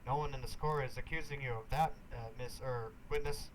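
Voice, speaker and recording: A man's voice: medium pitch, fairly even intonation, brisk, a little hiss or hum, lightly acted, poor audio. A man voicing an earnest young defense lawyer questioning a witness bluntly in a game read.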